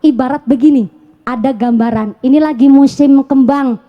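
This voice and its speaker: A woman's voice: high-pitched, fairly even intonation, moderate pace, lo-fi sound. A woman preacher with a Banyumasan Javanese accent giving a humorous sermon, telling stories and putting rhetorical questions to her audience.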